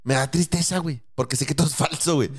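A man's voice: on the high side, fast talker, husky. A man with a Mexican accent hosting a casual podcast chat, full of crude slang and laughter. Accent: Mexican Spanish. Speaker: podcast host.

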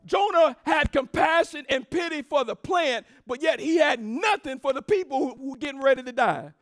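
With lively intonation at a normal speed, a woman pastor preaches emphatically to her congregation, drawing call-and-response. Her delivery ranges from quiet asides to rousing, shouted, sing-song passages.

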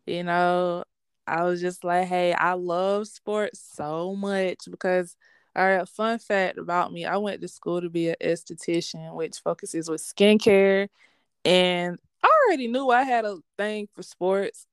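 Slangy young woman, smooth voice. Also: on the low side, unhurried, dry recording, studio quality. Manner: candid, slangy, animated storytelling. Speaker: sports podcast host being interviewed. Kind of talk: casual interview.

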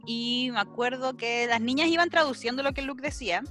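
A young woman with a Chilean accent, chatting casually as a podcast co-host and telling stories with animated acted-out quotes. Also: sits high, brisk, soft background music. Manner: animated storyteller who acts out quotes and squeals. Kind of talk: casual chat.

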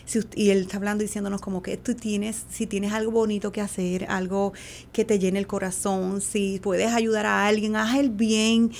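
A woman's voice: medium pitch, flat delivery, normal speed, a little mellow. A middle-aged woman, a guest in an interview, tells a personal story in conversation, acting out the quoted lines and using many fillers.

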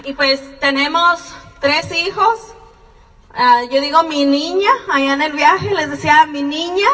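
A woman in her thirties from Mexico tells her life story as a testimony, speaking slowly and earnestly to encourage her listeners. Her voice sits high. She is recorded from a distance, and a long reverb from a large hall trails her words. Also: noisy background. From Mexico (Jalisco and Colima). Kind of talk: personal testimony speech. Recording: far from the mic in a reverberant hall.

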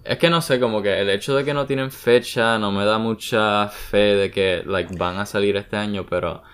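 A Puerto Rican man with a clear, smooth, fairly low voice co-hosts a casual podcast. He talks like an enthusiastic fan and slips freely between Spanish and English in easy Spanglish. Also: steady tone, moderate pace, a bit bright. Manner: Spanglish, mixing English words and phrases into Spanish. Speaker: podcast co-host. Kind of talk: casual chat.

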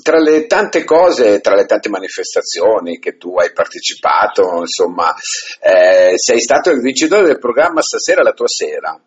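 A lively male radio host with a low voice that swings widely in pitch as he hunts for words between fillers. His husky tone comes through a dull, lo-fi radio recording. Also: normal speed. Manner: lively, hesitant with many fillers. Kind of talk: radio interview.

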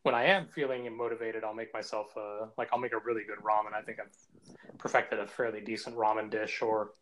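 A man's voice: on the low side, level tone, brisk, fairly bright tone, low-quality recording. A man in his forties from the United States, co-hosting a casual podcast chat with an easygoing, joking, self-deprecating manner. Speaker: podcast co-host.

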